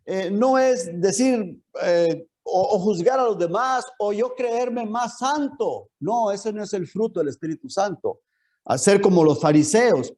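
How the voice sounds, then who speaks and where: A man's voice: sits high, warm tone. A man preaching a Bible lesson as pastor in a church, often turning to the congregation with rhetorical questions.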